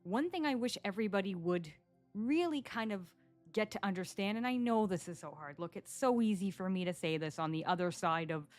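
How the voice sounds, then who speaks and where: A woman in her forties hosting a casual solo podcast, chatty and animated, telling stories and acting out what her clients say. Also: medium pitch, fairly quick, faint music behind. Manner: chatty, animated storytelling, acts out quoted clients. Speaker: psychic podcast host. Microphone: studio microphone.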